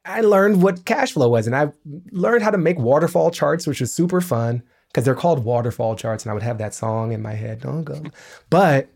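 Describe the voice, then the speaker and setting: A middle-aged man speaks as a podcast guest, his voice at an ordinary male pitch. He explains with lively emphasis, pushing up on the lines that matter. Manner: animated, emphatic explaining with business analogies. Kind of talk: podcast interview.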